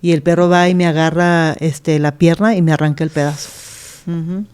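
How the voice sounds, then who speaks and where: A middle-aged woman pastor with a low, clean, slightly mellow voice speaks at normal speed in a steady tone. Earnest as an interview guest, she tells her life story and performs the voices of the people in it.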